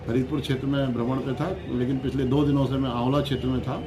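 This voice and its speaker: A man speaks as a government official, giving formal answers in an interview. His pitch is medium, and there is clear noise around him from recording on location. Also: flat delivery, fast.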